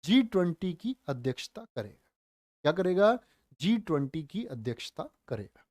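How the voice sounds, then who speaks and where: A man teaching a live online general knowledge class, speaking slowly and deliberately, repeating facts and quizzing his viewers, with joking asides. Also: high voice, sing-song, a little mellow, dry recording, clean studio sound. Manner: calls viewers "dear children", joking asides. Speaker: online exam-prep teacher.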